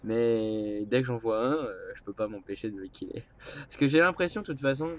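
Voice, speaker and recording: A gameplay commentator with a cold and a stuffy nose talks casually over his game at normal speed and medium pitch. He rambles and hesitates, filling gaps with lots of filler sounds.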